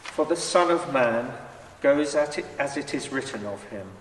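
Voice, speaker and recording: A man playing Jesus as a solemn, measured, authoritative teacher in a dramatised church scripture reading. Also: mid-range voice, expressive, slight background noise, lightly acted. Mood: grave. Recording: echoey church hall, far from mic.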